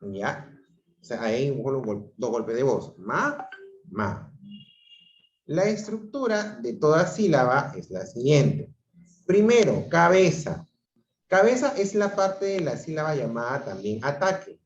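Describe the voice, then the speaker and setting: A man lectures slowly in an online class, pausing to check that his students follow. His voice sits at a middle pitch. It comes through a muffled, lo-fi call mic in a room with a noticeable echo. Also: big pitch swings, a little mellow. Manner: slow, repeats himself, checks with "¿ok?". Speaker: teacher. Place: home room on a video call. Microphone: computer mic on a video call. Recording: roomy, dull lo-fi video call audio.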